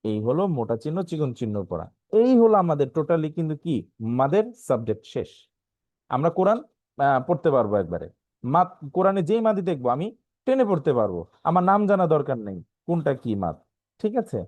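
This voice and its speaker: A man with a Bangladeshi Bengali accent, teaching an online Quran reading class, spelling out letters slowly and often checking in with "right?". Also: on the high side, very animated, a little mellow, dry recording. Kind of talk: online lesson.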